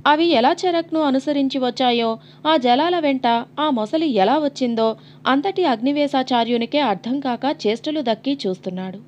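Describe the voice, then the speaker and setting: A woman with a high voice narrates a novel for an audiobook. She tells it dramatically and expressively, and the recording sounds slightly dull and lo-fi. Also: moderate pace, a little mellow.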